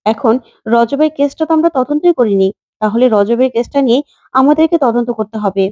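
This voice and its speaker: A woman's voice: a little high, brisk, dark tone, no room sound, close to an everyday voice. Woman voicing a determined young heroine. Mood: thoughtful. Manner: earnest and resolute.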